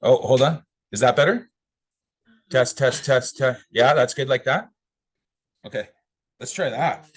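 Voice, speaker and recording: While making sure his own microphone works on a video call, a relaxed presenter for a real estate office meeting makes small talk with colleagues. His medium-pitched, slightly rough voice is unhurried, with frequent pauses.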